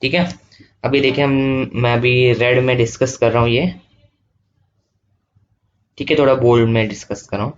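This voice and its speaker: A man teaching an online revision lesson, explaining slowly and repeating each step, checking often that students follow. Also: medium pitch, fairly even intonation, lo-fi sound. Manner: slow, repetitive explaining with frequent checks.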